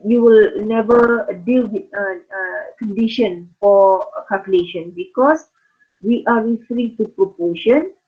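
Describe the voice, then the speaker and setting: A woman lecturing on statistics in an online class, losing her voice and speaking haltingly with many fillers. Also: fairly high pitch, husky. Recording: phone-like narrow sound.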